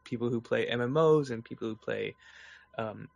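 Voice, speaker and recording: A man with a gravelly, fry-edged voice talks through his thoughts in a relaxed podcast chat. He speaks in a measured, thoughtful way, often restarting a phrase before settling on it. His pitch sits mid-range for a man. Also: no echo. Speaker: podcast co-host. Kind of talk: casual chat.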